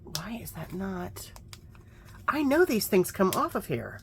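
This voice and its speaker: A woman's voice: mid-range voice, big pitch swings, slow. A woman chatting casually while working on a craft journal, telling stories and muttering to herself over her work. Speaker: craft vlogger.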